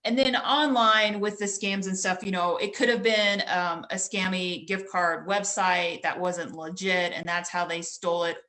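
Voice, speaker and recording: A woman's voice: lowish voice, fairly even intonation, unhurried, hardly any pauses, pushed and bright. A woman guest and security expert giving practical advice in an interview, with plenty of you-knows. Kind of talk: explanatory interview talk.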